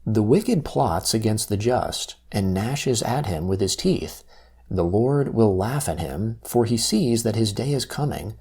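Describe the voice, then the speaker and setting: A man reading scripture aloud from a text in a solemn, measured recitation. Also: on the low side, lively intonation, a little mellow, husky. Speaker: scripture reader.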